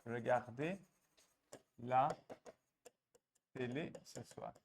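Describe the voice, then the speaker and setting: A teacher of French, speaking with an Indian English accent, leads a video-call class online and mixes English, Hindi and French. The mid-range voice has vocal fry and a darkish tone, with a little hiss or hum in the audio. Phrases are drilled with patience, repeated slowly.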